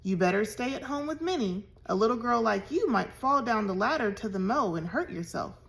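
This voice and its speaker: A woman's voice: fairly high pitch, animated, brisk, gravelly, a bit bright. Woman doing a bossy older farm boy.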